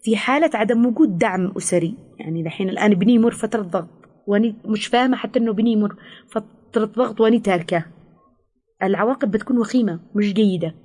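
A woman with a Yemeni Arabic accent, a counselor explaining things in an interview, fast with frequent hesitations. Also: medium pitch, darkish tone, husky. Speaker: teen counselor. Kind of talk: expert interview answers.

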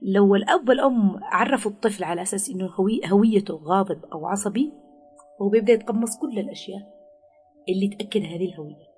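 A woman's voice: medium pitch, quick pace, darkish tone, faint music behind. A woman giving parenting advice in an interview, explaining patiently and acting out what parents might say to a child.

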